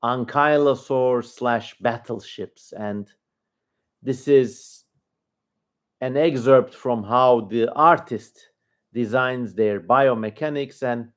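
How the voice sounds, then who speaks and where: A man's voice: medium pitch, slow. A man with a Turkish accent hosting a livestream, giving casual commentary in an informal, rambling way as he thinks aloud. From Turkey. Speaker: livestream host.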